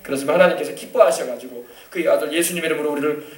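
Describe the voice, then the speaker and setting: A man pastor preaching a sermon with emphatic delivery, sometimes shouting and acting out quoted voices. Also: on the high side, racing. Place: church sanctuary. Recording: echoey church, voice from a distance.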